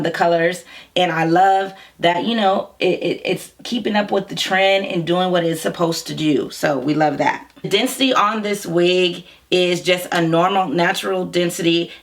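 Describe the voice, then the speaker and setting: A woman with a hoarse, froggy voice, getting over being sick, chatting informally to viewers in a casual product review. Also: lowish voice. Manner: chatty, informal, direct address. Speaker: wig reviewer, hair care company founder.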